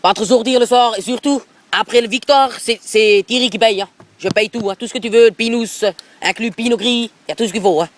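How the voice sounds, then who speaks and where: A brash, bigoted middle-aged football coach with an Alsatian accent, as a man puts him on for a prank call. He rambles and pushes, tacking little tags onto every sentence in a rather high voice. It sounds like he is speaking with a phone held close to his mouth. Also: fairly quick. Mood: pushy. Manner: pushy, rambling, repeats filler tags. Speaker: prank caller.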